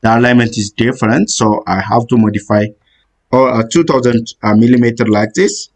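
A man with a medium-pitched voice narrates a screen-recorded software tutorial, giving step-by-step instructions haltingly and with many "uh" fillers.

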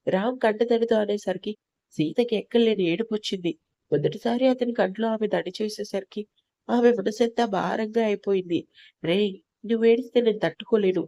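A woman's voice: medium pitch, moderate pace, mellow, no room sound. A woman narrating an emotional love story as the storyteller.

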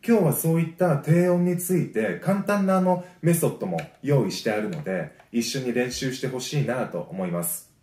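A man teaching a voice lesson. He gives friendly, encouraging explanations and breaks them up with sustained low sung vowels. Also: normal speed, a little mellow. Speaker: voice trainer. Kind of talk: vocal lesson. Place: home. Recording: roomy echo.

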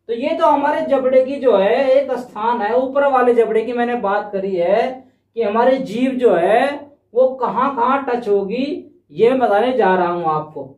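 A male teacher giving a patient classroom-style grammar lesson. He repeats his points, checks in after each step, and sounds out examples slowly. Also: extremely high pitch, darkish tone, dull audio. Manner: demonstrates sounds aloud slowly. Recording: echoey room, mic set at a distance.

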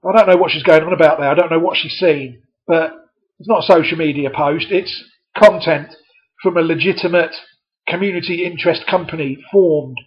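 A man in a community media presenter's role reads a letter aloud, cutting in with sarcastic, scoffing comments. His voice sits a little high. The recording is dull and lo-fi.

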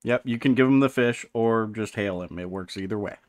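A man's voice: on the low side, brisk, dry recording. A man hosting a live game stream, coaching other players and joking around. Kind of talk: casual gaming chat.

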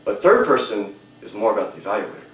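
With a fairly low voice that swoops wildly in pitch, this young man speaks fast through his humorous prepared speech at a public speaking club. The emphatic delivery in a hotel meeting room is picked up by a distant camera, giving an echoey sound.

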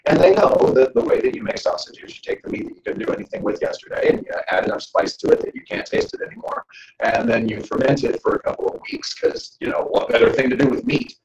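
A man giving a joking, animated lecture to an audience as a guest speaker. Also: medium pitch, fast talker, gravelly, roomy sound, rough recording. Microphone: camera.

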